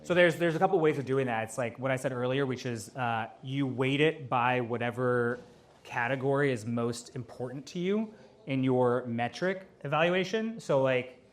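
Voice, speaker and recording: A man's voice: medium pitch, normal speed. A young man answering questions at a live event, talking casually with lots of "like" and "um". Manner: casual, filler-heavy, lots of "like". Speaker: AI consultant on stage. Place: office event space with audience.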